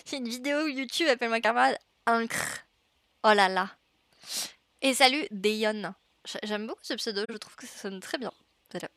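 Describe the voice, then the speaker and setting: Bright-voiced chatty woman streamer. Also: a little high, measured pace, long pauses, dry recording. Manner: chatty and rambling, with frequent fillers and laughs; reads game dialogue aloud while playing. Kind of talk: casual gaming livestream chat.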